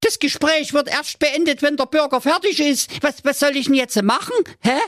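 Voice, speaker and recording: A shrill, frantic prince. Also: male voice, moderate pace, a bit bright, dry recording, clean studio sound. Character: whiny panicky young prince, male.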